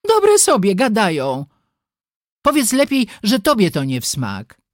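A narrator voicing a sulky, defiant young peasant girl in an audiobook, whiny and quick to argue. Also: mid-range voice, huge pitch swings, no echo, studio quality, pitched above the performer's own voice.

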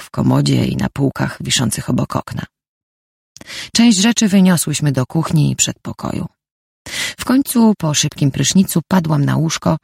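Gravelly, husky woman reading a novel. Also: low voice, darkish tone, no room sound, clean studio sound. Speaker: audiobook narrator. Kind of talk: first-person novel narration.

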